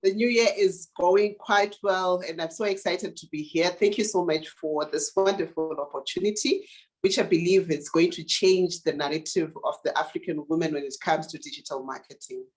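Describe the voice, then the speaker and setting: A woman's voice: lowish voice, normal speed. A young woman from Zimbabwe, a digital marketing consultant, tells her life story in an interview, earnest and full of fillers and restarts. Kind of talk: interview answers, personal story.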